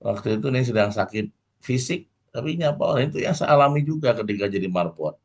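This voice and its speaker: A man's voice: mid-range voice, lively intonation, fast talker. A middle-aged man giving a motivational lecture as a coach. He keeps calling out to his audience, tags his points with "ya", and acts out little examples. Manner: addresses the audience warmly, full of "ya" tags and acted examples. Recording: dull lo-fi recording.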